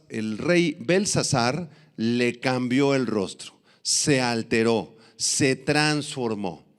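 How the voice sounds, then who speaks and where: A middle-aged male pastor preaching a Bible-teaching sermon, stressing and repeating key phrases and slowly spelling out old words. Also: mid-range voice. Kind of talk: expository sermon.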